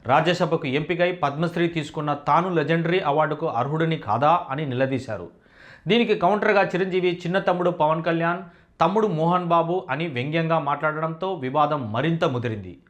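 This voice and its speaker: A man giving a scripted entertainment news voice-over in a steady, formal reading manner. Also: on the high side, a little fast.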